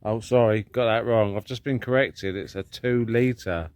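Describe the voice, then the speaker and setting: A man's voice: lowish voice, measured pace, darkish tone, smooth, no echo. A British man chatting casually and thinking aloud in a rambling, matter-of-fact way as he narrates hands-on repair work. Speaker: vlog host doing DIY car repairs. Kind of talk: casual chat and work commentary.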